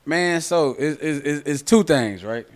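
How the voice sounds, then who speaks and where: This forty-year-old cornhole player, appearing as a podcast guest, chats in a relaxed, informal way and keeps saying "you know what I'm saying." His voice sits a little high, is expressive, and moves at a measured pace.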